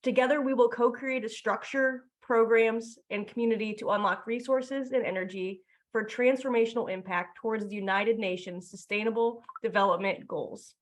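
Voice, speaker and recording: A woman with a fairly high voice gives a prepared welcome address. She reads at an even, steady pace, like a program manager introducing her organization. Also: normal speed.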